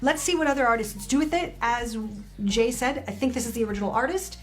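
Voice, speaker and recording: A woman vocal coach giving animated, expressive reaction commentary on a song. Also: fairly high pitch, quick pace, soft background music.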